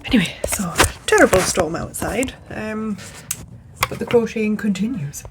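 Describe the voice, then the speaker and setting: A young British woman giving a relaxed, rambling crochet tutorial at home, chatting casually with plenty of fillers. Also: mid-range voice, normal speed, heavy background noise. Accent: British English. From England. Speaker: crochet vlogger. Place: home, indoors.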